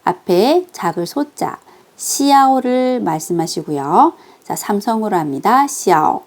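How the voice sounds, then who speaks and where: A woman teaching a recorded online language lesson, patiently walking through pronunciation with slow, careful demonstrations. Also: medium pitch, lively intonation.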